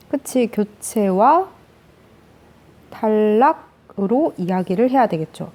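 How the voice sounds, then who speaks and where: A woman teacher talks through grammar rules one step at a time in a lecture. She often asks a question and answers it herself. Her voice sits a little high but sounds soft and mellow.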